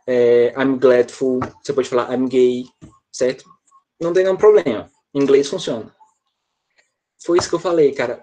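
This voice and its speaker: A man's voice: a little high, a little mellow, husky. A male teacher explaining a grammar point to students on a video call, patient and step by step, often checking whether they follow. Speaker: English teacher. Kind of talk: online class explanation.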